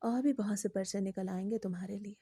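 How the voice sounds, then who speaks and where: A woman voicing a calm, defiant wife who answers back in a composed, matter-of-fact way. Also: mid-range voice, breathy edge. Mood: calm defiance.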